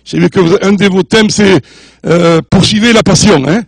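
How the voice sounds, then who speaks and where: A man's voice: sits high, moderate pace, creaky, dry recording. An older man preaching as a guest in a church, jovial and joking with the congregation, mixing French, English and Spanish. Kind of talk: sermon.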